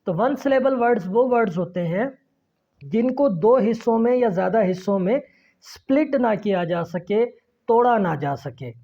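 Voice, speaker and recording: A woman's voice: medium pitch, lively intonation, normal speed. A woman teacher explaining a lesson, spelling words out letter by letter and repeating each example. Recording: dull lo-fi recording.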